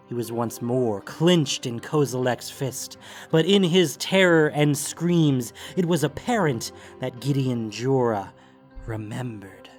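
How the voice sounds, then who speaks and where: Over background music, a medium-pitched male narrator performs a fantasy podcast story in a dramatic, scripted style.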